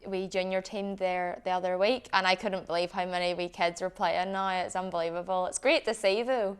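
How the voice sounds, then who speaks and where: A woman's voice: on the low side, fairly even intonation, fairly quick, smooth. A young woman with a Northern Irish accent, chatting casually as a footballer guest. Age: young adult. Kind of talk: casual chat. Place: studio.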